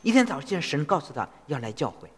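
A man interpreting a sermon phrase by phrase in an animated way. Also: on the high side, fast, slightly rough. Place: church hall. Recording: long reverb of a church hall.

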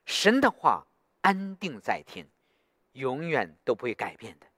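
A man's voice: mid-range voice, a little slow, no room sound, clean studio sound. A man preaching a sermon, telling a story and often asking the listeners to agree. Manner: animated, asks listeners for agreement.

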